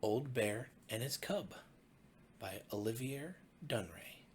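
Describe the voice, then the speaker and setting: A pastor tells children a bedtime story, his mid-range voice gentle and expressive and his phrasing deliberate. There's a little background noise.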